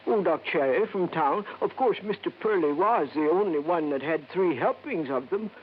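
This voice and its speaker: Troubled and grave, the old American character, a folksy, wizened, insistent man in a wheelchair, is performed by an actor in 1950s radio style with clipped, hesitant lines. The voice is a little high and natural, animated at a moderate pace, heard through a dull, noisy vintage radio recording.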